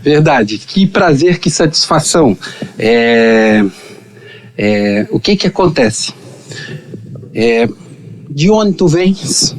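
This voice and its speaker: A man's voice: medium pitch, lively intonation, slow, pauses often. A man hosting a podcast in casual conversation, chatty and full of questions. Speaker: podcast host.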